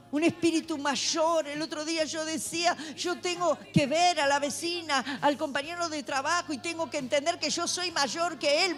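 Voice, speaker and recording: A woman preaching a fervent sermon in church, building to shouted exhortations. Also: high voice. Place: church sanctuary.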